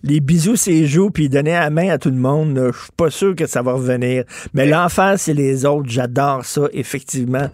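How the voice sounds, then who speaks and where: A male radio host with a Quebec French accent talks in an animated, emphatic way, full of fillers. His voice sits at an ordinary pitch, and the close studio mic keeps it dry. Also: normal speed, hardly any pauses, dry recording. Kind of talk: casual radio talk.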